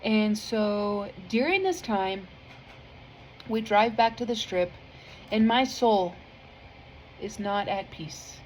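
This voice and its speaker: A woman speaks straight to her viewers in a loose, chatty testimony. Her voice sits at an ordinary middle pitch, and she wanders through her story with ums and restarts. She is soft-hearted and sincere, the kind who cries easily when talking about her faith. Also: slow, pauses often, a little hiss or hum, low-quality recording. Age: adult with a family. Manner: earnest and heartfelt, rambling with many fillers; emotional, easily moved to tears. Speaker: vlogger sharing a faith testimony. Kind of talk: casual spoken testimony.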